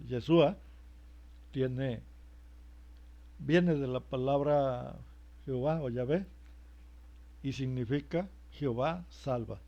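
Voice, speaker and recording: A man's voice: medium pitch, warm tone. A man giving a religious teaching, hesitant, repeating words and asking himself rhetorical questions. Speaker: preacher. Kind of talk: sermon-style religious teaching. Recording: muffled lo-fi recording.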